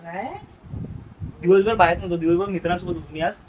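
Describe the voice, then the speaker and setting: A young man in a casual family vlog, teasing his child playfully and dropping to quiet asides for the camera. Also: high-pitched, a little fast, a crowd in the background. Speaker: vlogger.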